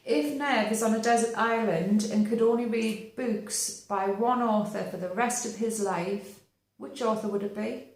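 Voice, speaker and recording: A woman's voice: mid-range voice, a little slow. A woman hosting a casual interview, chatting in a blunt, teasing way. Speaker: interviewer, host. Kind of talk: casual chat. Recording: very echoey room.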